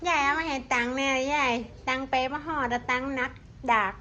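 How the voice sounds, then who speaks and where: A woman's voice: high-pitched, steady tone, moderate pace, pushed and bright, highs cut off, a little hiss or hum. A woman with an Isan Thai accent, chatting casually and coaxing her pets in a sing-song voice. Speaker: pet vlogger.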